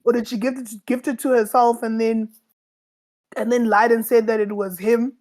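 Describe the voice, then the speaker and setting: A woman's voice: a little high, little pitch movement, normal speed, a little mellow. A young woman from South Africa co-hosting a casual reality TV review chat, emphatic and opinionated, repeating her points for stress. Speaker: co-host of a reality TV review show.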